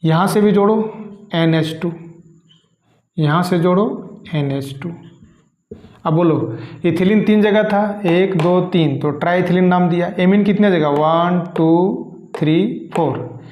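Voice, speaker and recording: A man teaching chemistry, asking questions and answering them slowly himself. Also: high voice, lo-fi sound. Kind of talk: classroom lecture. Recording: echoey room.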